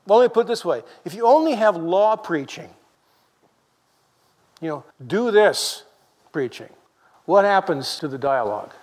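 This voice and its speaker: A man preaching a sermon in a lively, conversational way, full of rhetorical questions to the congregation. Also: sits high, unhurried, long pauses, big-room sound.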